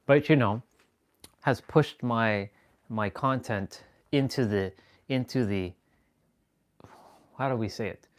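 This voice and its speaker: Self-assured man rambling on a livestream. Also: lowish voice. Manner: rambling, self-assured, restarts mid-sentence. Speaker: live stream host. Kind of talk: casual spiritual monologue.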